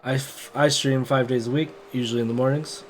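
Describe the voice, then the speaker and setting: A man's voice: medium pitch, steady tone, a little fast, slight background noise. A man chatting casually as a streamer and player in a tabletop game.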